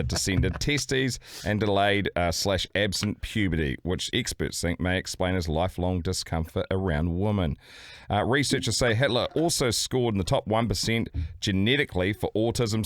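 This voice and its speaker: A man's voice: sits low, dry recording, clean studio sound. A man with a broad New Zealand accent talking casually as a podcast co-host in a blokey, sweary way. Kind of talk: casual talk.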